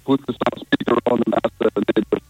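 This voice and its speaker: A young man from Finland, a relaxed guest talking casually over a phone call, with hesitant restarts. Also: mid-range voice, fairly quick, husky.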